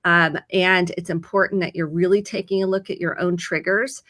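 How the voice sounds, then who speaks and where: A woman's voice: lowish voice, fairly even intonation, normal speed, a bit bright. A middle-aged woman therapist earnestly explaining ideas with everyday examples. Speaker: licensed therapist. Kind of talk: conversational advice segment.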